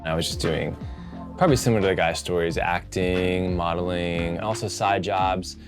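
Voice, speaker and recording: A man's voice: deep voice, normal speed, music in the background. A man who is a member of a pop group, talking casually about his old jobs.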